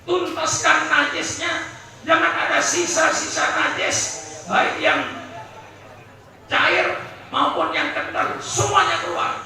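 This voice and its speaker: A man's voice: very high voice, steady tone, takes it slowly, gravelly, long pauses, pushed and bright. Preaching man in a very echoey hall. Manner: jokey, asks the crowd for agreement, acts out short household exchanges. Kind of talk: humorous sermon to a live congregation. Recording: very echoey hall, voice far from the mic, crowd audible.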